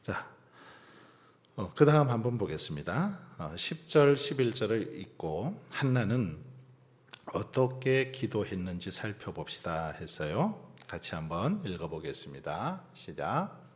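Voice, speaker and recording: A man's voice: on the low side, sing-song, a little slow. A man preaching a sermon as pastor, asking the congregation rhetorical questions and letting phrases trail into near-whispers. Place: church sanctuary. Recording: long church hall reverb.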